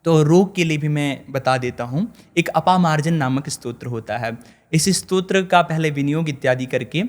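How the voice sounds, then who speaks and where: A young man, a religious storyteller, explaining scriptures in an earnest, measured teaching tone with small hesitations. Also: fairly high pitch. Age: young adult.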